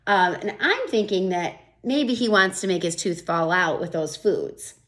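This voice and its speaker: A woman with a lowish voice reads a children's picture book a little slowly, keeping the storytelling gentle and expressive. She pauses for teacher-style asides that explain what she is thinking.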